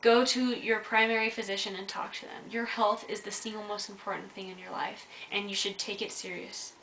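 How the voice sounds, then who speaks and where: A young woman shares a personal story to camera, candid and earnest, her voice bright and clear. The mic sits a little back in a roomy, echoing space with a faint hiss underneath. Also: medium pitch, flat delivery, a little fast, recorded from a distance. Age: young adult. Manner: earnest, candid, urges viewers directly. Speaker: vlogger.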